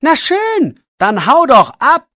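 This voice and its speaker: Sarcastic teenage boy voiced by the narrator, slow and clear. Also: mid-range voice, very animated, fairly bright tone, no room sound, studio quality, exaggerated voice. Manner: scolding, sarcastic. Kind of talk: audiobook role voice.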